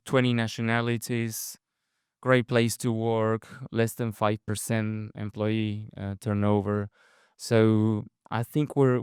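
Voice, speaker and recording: A man's voice: mid-range voice, smooth, no echo, clean studio sound. A man moderating a conference panel, introducing guests with many fillers and restarts. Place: conference stage.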